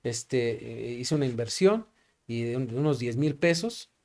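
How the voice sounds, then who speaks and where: A man's voice: mid-range voice, lively intonation, unhurried, a little mellow. A young man with a Mexican accent, a pastor giving an earnest testimony in an interview, full of fillers and acting out the remembered dialogues. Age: young adult. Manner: earnest, many fillers like "este" and "¿no?"; acts out both sides of remembered dialogues.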